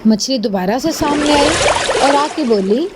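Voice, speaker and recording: High-voiced woman telling a storybook tale. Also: lively intonation, heavy background noise. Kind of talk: storybook narration for children.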